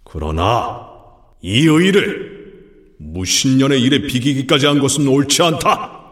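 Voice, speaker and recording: A man's voice: medium pitch, animated, unhurried, a bit bright. An actor playing a troubled, grieving Joseon king, speaking in archaic royal phrasing with a sorrowful, choked delivery. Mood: grieving, burdened. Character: anguished, troubled Joseon king, middle-aged man. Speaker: voice actor in a historical reenactment. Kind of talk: archaic royal speech, dramatic reading. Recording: echoey with long hall reverb.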